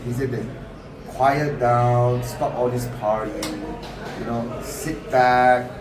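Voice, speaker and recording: A man in his thirties tells a story in a relaxed, halting way, tripping over repeated words. He sits back from the mic in a reverberant room. Loud crowd chatter fills the space around him. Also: mid-range voice, distant mic. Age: 30s. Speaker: guest telling his story. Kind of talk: casual storytelling at a sit-down.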